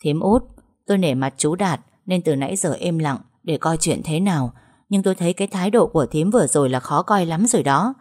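A woman's voice: low voice, expressive, brisk, a little mellow. A woman voicing a stern man who lectures his sister-in-law indignantly.

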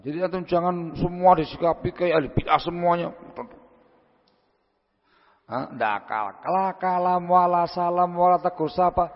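Preacher man in an echoing hall. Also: mid-range voice. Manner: lively, acts out short everyday dialogues, frequent Arabic phrases. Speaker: Islamic preacher answering questions. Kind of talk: lecture-style Q&A sermon. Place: large hall at a study gathering. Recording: dull lo-fi sound, long hall reverb.

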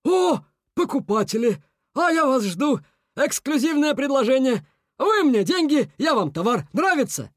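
A storyteller voicing a sly, cheerful male beaver who hawks goods in a brisk salesman's patter. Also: mid-range voice, no room sound, studio quality, voice pushed up, natural voice. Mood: salesy.

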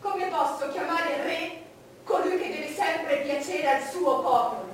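Imperious high-pitched Queen Elizabeth I, echoing stage. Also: lively intonation, slight background noise. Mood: scornful, proud. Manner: declamatory, drawn-out, scornful, swinging from brooding to cackling. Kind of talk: theatrical stage monologue. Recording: echoey, distant stage recording with music.

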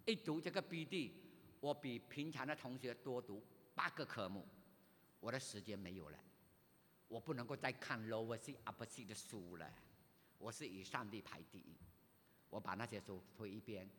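An older male pastor from Malaysia, telling his own story in a sermon, animated, with sudden loud rises. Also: fairly low pitch, moderate pace, a little hiss or hum. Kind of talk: sermon, personal testimony. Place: church sanctuary. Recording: reverberant church hall.

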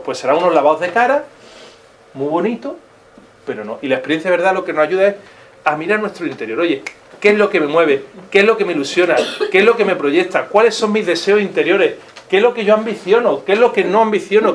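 A Spanish-accented man gives an informal talk on faith to a class. His voice is fairly high for a man and swings widely in pitch. He fires off rhetorical questions and slips into quoted voices, with a faint hiss behind him. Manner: animated, asks many rhetorical questions, acts out quoted voices. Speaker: catechist. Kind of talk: informal religious teaching.

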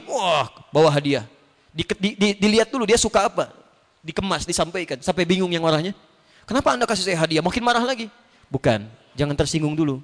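A man preaching a sermon, telling stories and acting out the dialogue with big swings in his voice. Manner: animated storytelling, acts out dialogue with big pitch swings. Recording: reverberant hall.

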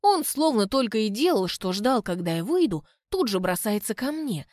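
A woman reading a first-person audiobook in an expressive way, going hushed in tense moments. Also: mid-range voice, normal speed, dry recording, studio quality. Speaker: audiobook narrator.

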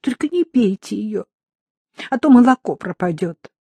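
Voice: mid-range voice, lively intonation, moderate pace, creaky, warm tone, slightly rough, dry recording, pitched above the performer's own voice. A reader voicing a frantic, tearful deceived wife who pleads breathlessly down the phone in an audiobook. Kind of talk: audiobook reading.

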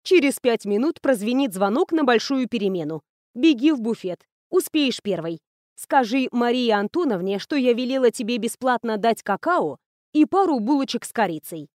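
A woman voicing a stern school principal in her seventies, speaking low, clipped and coldly controlled. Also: expressive, normal speed, a little mellow, no room sound, clean studio sound, lightly acted. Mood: falsely kind.

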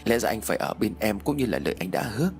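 A man voicing a worried young husband who speaks softly and soothingly to his child and wife. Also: fairly low pitch, animated, brisk, faint music behind. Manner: soft and soothing. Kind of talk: audiobook character voice.

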